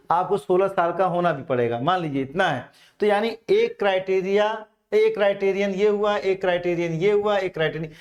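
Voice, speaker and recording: A middle-aged man with an Indian accent gives a grammar lesson in a fairly high voice. He takes each point step by step, and he often asks a question and then answers it himself. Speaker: teacher. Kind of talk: classroom grammar lecture.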